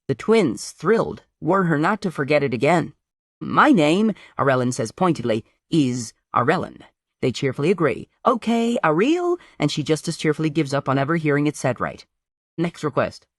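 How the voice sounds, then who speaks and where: A man's voice: medium pitch, dry recording, clean studio sound. A man narrating a scripted story recap in a wry, playful way.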